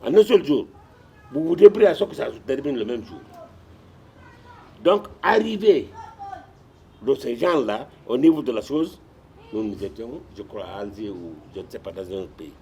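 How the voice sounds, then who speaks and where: A man's voice: mid-range voice, expressive, normal speed, gravelly, pauses often, a little mellow, a little hiss or hum. An older man from Guinea, a retired sports administrator telling stories in an interview, with frequent restarts and repetitions. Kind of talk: storytelling in a sit-down interview.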